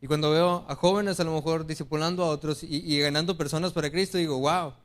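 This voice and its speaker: High-pitched guy with a mexican accent preaching, earnest, calls everyone brother, acts out little quoted excuses. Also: fairly even intonation, fast. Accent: Mexican Spanish. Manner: earnest, appeals to the congregation as brothers. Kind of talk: sermon.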